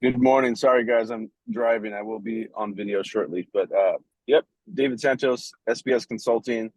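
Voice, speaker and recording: A man calling into a video meeting from his car while driving, introducing himself as a fractional CFO in a loud, businesslike way with some filler pauses. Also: on the low side, no room sound, poor audio. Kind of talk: brief self-introduction on a video call.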